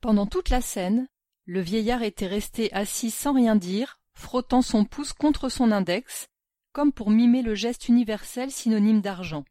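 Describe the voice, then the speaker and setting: A woman narrating an audiobook in a measured, even storytelling manner. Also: on the high side, no echo, studio quality.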